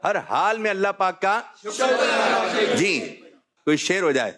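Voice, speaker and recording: A man's voice: high-pitched, big pitch swings, crowd noise. A man hosting a religious talk show, jovial, often repeating his key phrases. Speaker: host.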